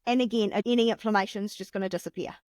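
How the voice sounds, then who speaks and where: A woman in her late thirties, a podcast guest talking in a chatty, animated way with lots of fillers. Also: medium pitch, rapid-fire, no room sound. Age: 30s. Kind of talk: casual chat.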